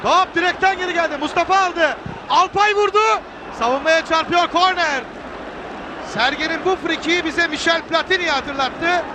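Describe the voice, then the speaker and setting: A man calling a football match live on television, excited and breaking into screamed goal calls. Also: very high voice, moderate pace. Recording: noisy 1990s broadcast, loud stadium crowd. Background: roaring stadium crowd.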